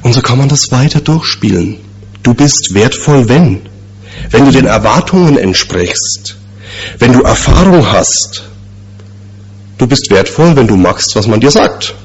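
A man preaching a sermon, telling stories and asking rhetorical questions with slow, emphatic repetitions. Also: medium pitch, animated, breathy edge, lo-fi sound.

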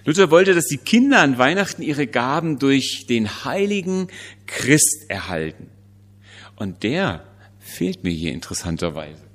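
Guy giving a christmas sermon, slow and chatty, voice goes up and down a lot, asks the crowd questions. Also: medium pitch. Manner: lively, emphatic, conversational with rhetorical questions. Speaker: preacher.

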